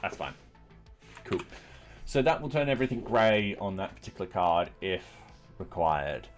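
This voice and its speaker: A man's voice: low-pitched, big pitch swings, normal speed, soft background music. A man streaming himself writing code, talking casually through each step with dry, slightly sarcastic asides. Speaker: streamer and software developer. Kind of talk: live coding commentary.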